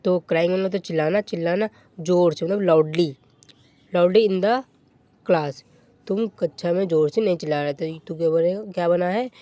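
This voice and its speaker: Mellow-voiced male teacher drilling grammar rules. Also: high-pitched, no echo. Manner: asks and answers own questions, repeats rules; slows right down to dictate example sentences. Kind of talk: English grammar lesson.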